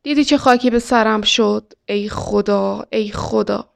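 A woman's voice: mid-range voice, vocal fry. A woman voicing a theatrical wailing widow. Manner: lamenting. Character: grieving widow, showy, wailing.

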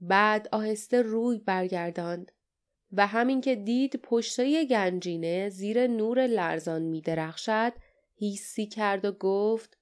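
A woman narrating an adventure audiobook with steady, dramatic storytelling. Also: medium pitch, smooth. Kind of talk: scripted narration.

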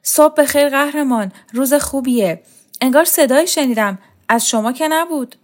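Woman reader doing a loud show-off strongman guy, bragging, kept in her own voice pretty much. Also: mid-range voice, sing-song. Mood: boastful. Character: boastful strongman neighbor, loud and showy.

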